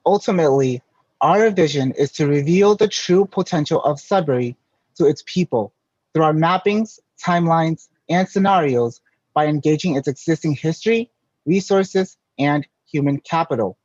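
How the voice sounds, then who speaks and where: Man narrating a design pitch, dry and dull. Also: animated, darkish tone, no room sound. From United States. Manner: measured, rhetorical. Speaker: presenting designer. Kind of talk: scripted presentation narration. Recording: dry, dull voice-over audio.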